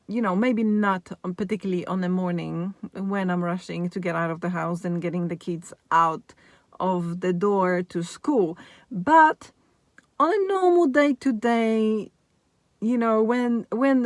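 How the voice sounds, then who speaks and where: A woman's voice: a little high, dry recording. A woman who is a mother of four, talking to camera in a casual, reflective monologue and often checking in with "right?". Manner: musing, often asks "right?" and says "like, you know".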